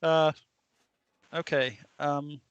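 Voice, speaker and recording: A man's voice: fairly high pitch, steady tone, extremely slow, highs cut off, a crowd in the background. A man playing a board game with friends, asking about the rules and laughing along. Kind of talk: casual game-night chat.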